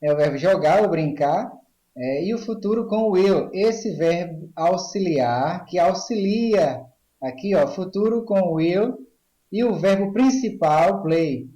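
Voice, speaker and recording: A man's voice: high voice, animated, dark tone, echoey room, low-quality recording. A man with a Brazilian Portuguese accent teaching an online English grammar lesson, explaining step by step and often checking in with the class. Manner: explains slowly, checks in with "ok?" and "tá certo?".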